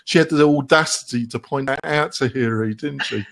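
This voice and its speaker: A man's voice: medium pitch, fairly quick, gravelly, fairly bright tone. An English man hosting a casual panel discussion, asking questions with lots of ums and dry sarcasm. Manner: sardonic, filler-heavy questioning. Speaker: host.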